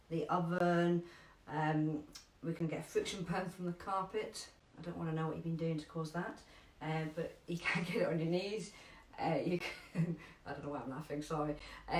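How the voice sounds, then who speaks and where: Female first aid instructor, London accent, chatty, stresses steps slowly; roomy, distant sound. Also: medium pitch. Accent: London English. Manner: chatty, emphatic, repeats key instructions slowly. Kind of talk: live online first aid class. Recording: echoey room, distant from mic.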